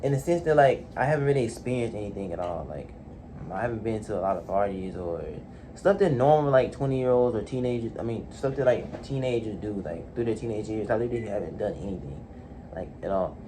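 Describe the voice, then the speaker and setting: A man in his late teens vlogs solo from his bedroom in a fairly low, expressive voice at a brisk clip. He hesitates a lot, filling gaps and restarting sentences, while background noise runs underneath.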